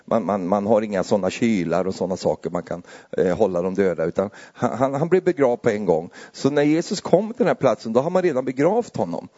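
Man preaching, rising to excitement. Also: dull audio. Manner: conversational, often adds tag questions, grows louder and higher as he builds. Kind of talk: sermon.

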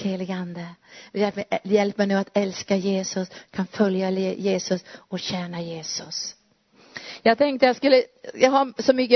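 A woman's voice: mid-range voice, no echo, highs cut off. A woman preacher and Bible teacher giving a fervent sermon, full of rhetorical questions and repetition.

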